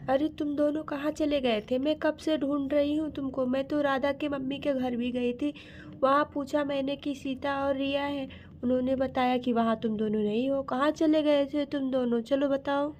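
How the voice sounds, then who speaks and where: A woman's voice: sits high, steady tone, moderate pace, a little mellow, slight background noise, close to an everyday voice. A woman voicing a worried mother who lectures her two daughters sternly. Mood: scolding.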